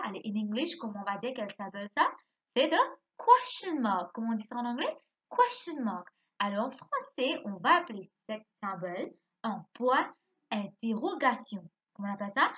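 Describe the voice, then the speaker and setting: This woman teacher's voice sits on the high side, pushed, bright and husky. In a recorded remote lesson for young children, the primary school teacher asks and answers her own questions and spells words letter by letter. The audio is dull and lo-fi.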